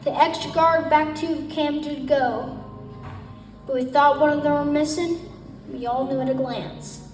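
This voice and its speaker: Woman cowboy poet, high-pitched and unhurried, telling folksy trail verse in an echoey venue. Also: steady tone, a little mellow. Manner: storytelling recitation in folksy ranch idiom. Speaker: cowboy poetry performer and singer. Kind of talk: cowboy poetry recitation. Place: live gathering stage, roomy space. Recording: roomy live performance, distant mic, music.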